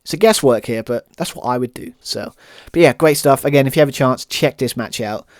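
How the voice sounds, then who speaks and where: A man's voice: medium pitch, brisk, no room sound, clean studio sound. A man hosting a podcast alone, giving a casual, rambling review full of fillers and "kind of", plainly enthusiastic. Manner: rambling, heavy use of "kind of" and "um". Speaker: podcast host.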